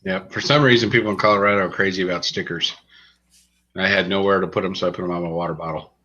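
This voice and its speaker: A man's voice: deep voice, steady tone, fast, bright, forceful tone. A man co-hosting a casual podcast, explaining board games and trading dry jokes. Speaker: podcast co-host. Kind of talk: casual podcast chat and game review. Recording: dull lo-fi podcast audio.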